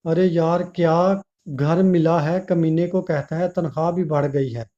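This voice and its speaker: A cold, scheming young wife with an offhand, dismissive way of speaking, played by a male storyteller. The voice is mellow and warm with a fairly high pitch, and the recording is dull and lo-fi. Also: steady tone, unhurried, natural voice.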